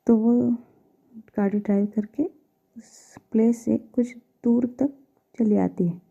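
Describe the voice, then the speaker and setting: Soft-spoken, breathy woman storyteller. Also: fairly high pitch, fairly even intonation, slow pace, dull audio. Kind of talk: storytelling narration.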